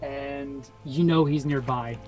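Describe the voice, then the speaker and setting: A man running a tabletop game as game master, calmly prompting his players. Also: medium pitch, slow, soft background music.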